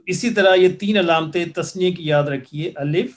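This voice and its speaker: A man teaching Arabic grammar for the Quran in a patient lecture style, repeating word forms slowly for his students. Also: high voice.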